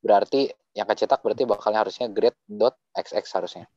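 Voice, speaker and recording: A man's voice: fairly low pitch, quick pace, a little mellow. A young man teaching assistant casually adding tips and inviting questions in an online coding tutorial. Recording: dry, dull lo-fi mic.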